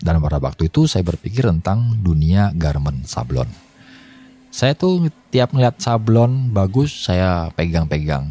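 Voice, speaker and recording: A man's voice: low voice, warm tone, breathy edge. A middle-aged man hosting a podcast, telling personal stories in a reflective, casual way and chuckling often between thoughts. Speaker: podcast host. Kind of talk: casual storytelling monologue.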